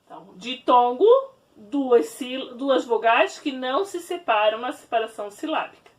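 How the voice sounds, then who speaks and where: A woman teacher giving a grammar lesson, spelling words out slowly and patiently. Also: high-pitched, far from the mic. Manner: slow, spelled-out explaining.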